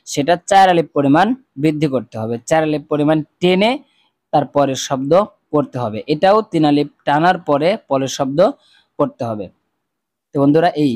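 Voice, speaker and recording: Male Quran teacher, slightly high voice, dry close mic, patient and repetitive, walks through each sound. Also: a little mellow. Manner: patient, repeats each rule and sound slowly for viewers to echo. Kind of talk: step-by-step recitation lesson.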